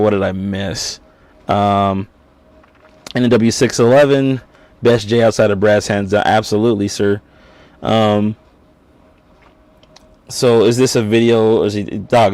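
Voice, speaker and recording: The host's voice sits fairly low and comes across a little mellow in this dry recording. Chatting casually on his livestream, he rambles, restarts frequently, uses lots of fillers, and reads the chat aloud.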